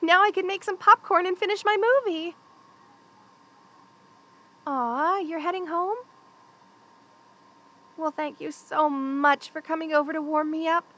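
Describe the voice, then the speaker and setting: A voice actor in an ASMR audio roleplay, a woman with a high voice plays a playful snake-girl best friend in a one-sided friendly chat. Cheerful and affectionate, she speaks a little slowly with long pauses, teasing casually and chuckling softly.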